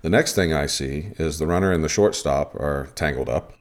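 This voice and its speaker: Super deep voiced guy rambling through an umpire story, lots of you knows. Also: moderate pace. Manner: rambling, many fillers and asides. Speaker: softball umpire. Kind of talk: casual storytelling.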